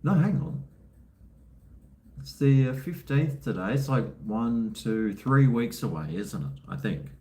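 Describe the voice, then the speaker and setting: A man's voice: medium pitch, lively intonation, unhurried, warm tone. An Australian man chatting casually on a live stream in a laid-back, blokey, colloquial way, responding to viewers.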